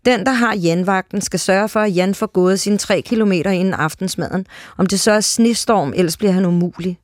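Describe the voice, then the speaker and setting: A brisk, impatient female care worker from a read-aloud short story, as the reader puts her on. She talks plainly and matter-of-factly, in a dry, close voice of middling pitch. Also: no room sound, close to an everyday voice.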